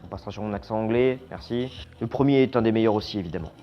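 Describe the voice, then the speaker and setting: A man's voice: lowish voice, very fast. Blunt, slangy man reviewing horror films. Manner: blunt, slangy, trails off quietly at phrase ends. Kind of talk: casual opinionated film review. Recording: slightly dull lo-fi sound with faint music.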